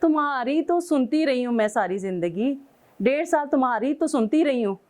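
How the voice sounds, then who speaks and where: A woman's voice: high voice, lively intonation, moderate pace, a little mellow. A woman from Pakistan, angrily scolding her husband on a call and then telling a host about it in an indignant, pleading way. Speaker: caller, estranged wife. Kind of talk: angry phone call to husband.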